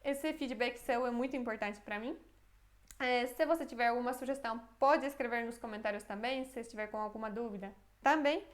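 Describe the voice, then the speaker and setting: A woman with a fairly high voice teaches a language lesson straight to camera. She works through examples patiently, repeating them and checking in with her viewers. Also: fairly quick. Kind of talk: explaining a grammar lesson to camera.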